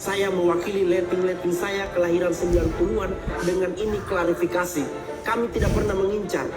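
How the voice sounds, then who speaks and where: Man, high voice, mock-formal, deadpan jokes, music behind. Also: a little fast. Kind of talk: joking clarification to camera.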